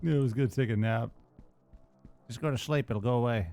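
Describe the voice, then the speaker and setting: A man's voice: medium pitch, fairly quick, dark tone. A man's mid-range voice with faint music behind it. He comments casually on a game, tossing out crude, offhand wisecracks as a let's player.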